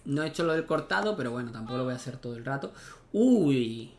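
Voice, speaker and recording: Fast-talking and animated, the young man has a medium-pitched voice as he plays a tennis game on stream. He keeps up a casual commentary, reasoning aloud and letting out curses whenever he misses.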